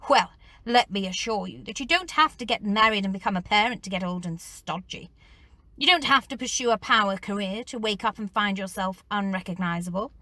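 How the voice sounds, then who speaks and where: A woman's voice: medium pitch, fairly quick, sharp tone, no echo, close to an everyday voice. An actress playing a weary, sarcastic teacher in her forties who lectures students in detention. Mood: sardonic. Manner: dry, sardonic lecturing. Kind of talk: dramatic monologue.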